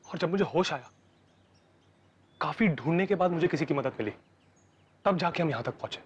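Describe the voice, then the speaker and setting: An actor playing a caring, protective young husband who speaks in a soothing, steady way in a TV horror drama. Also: male voice, fairly high pitch, normal speed, breathy edge, highs cut off.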